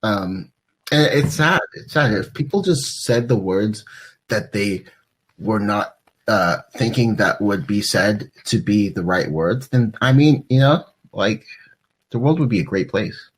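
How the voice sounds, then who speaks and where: A man's voice: fairly low pitch, expressive, unhurried, slightly rough. A young man co-hosting a podcast in casual chat, rambling, joking and laughing often. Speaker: podcast co-host.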